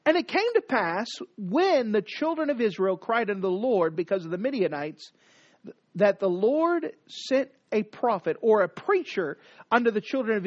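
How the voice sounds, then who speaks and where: A preacher delivering a sermon, the pitch leaping and falling with every point. The cadence is emphatic and repetitive, lurching between loud declarations and hushed lines. The sound is dry and dull, like a lo-fi recording. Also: dry recording. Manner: dramatic swings from loud to hushed.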